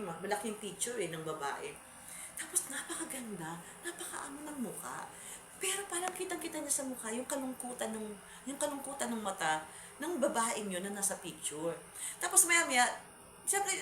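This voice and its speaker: A woman's voice: mid-range voice, fairly bright tone. A woman vlogger telling a horror story in a casual, rambling way, repeating words and restarting. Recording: echoey room.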